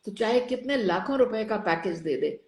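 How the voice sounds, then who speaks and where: A woman's voice: mid-range voice, lively intonation, moderate pace, a little mellow, roomy sound, slight background noise. A woman hosting a live online chat, encouraging her guests and mixing English phrases into her Hindi. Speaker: host of a live online show.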